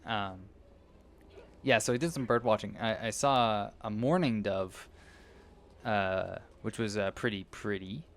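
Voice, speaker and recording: With a lowish, unhurried voice, this young man provides loose commentary over his gameplay as a gaming video creator, wandering off topic, cutting himself off, and frequently forgetting what he was saying. Slight background noise is audible.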